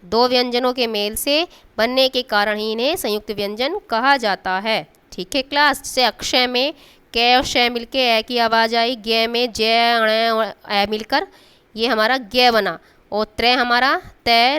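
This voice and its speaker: Very clear-voiced woman teacher. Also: fairly high pitch, steady tone, unhurried, a bit bright. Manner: patient, draws out sounds to demonstrate them; checks in with the class often. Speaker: school teacher. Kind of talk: classroom Hindi grammar lesson.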